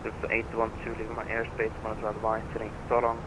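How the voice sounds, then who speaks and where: A man's voice: monotone, quick pace. A man working as an air traffic controller, giving formulaic procedural instructions over the radio. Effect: radio transmission. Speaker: air traffic controller on a flight simulator network. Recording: rumbling, noisy radio channel.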